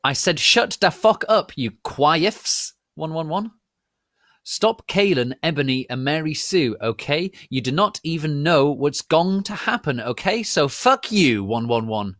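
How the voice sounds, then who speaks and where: Combative teenage girl writer as a man puts her on, hammy stage delivery, high-pitched and indignant. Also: expressive, fast, few pauses, pushed and bright, dry recording, studio quality. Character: bratty, combative teenage girl author ranting at critics. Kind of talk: dramatic reading of author's notes.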